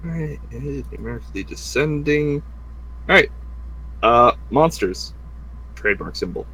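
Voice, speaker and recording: A man's voice: mid-range voice, animated, measured pace, sharp tone, slight background noise, poor audio. A man running a tabletop game as game master in a group voice chat, informal and thinking aloud.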